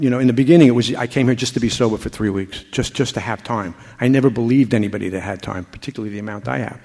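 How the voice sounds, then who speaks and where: An older man shares a recovery story as personal testimony to a group, his mid-range voice a little mellow. He speaks haltingly, often repeating himself and restarting, and the hall adds reverb.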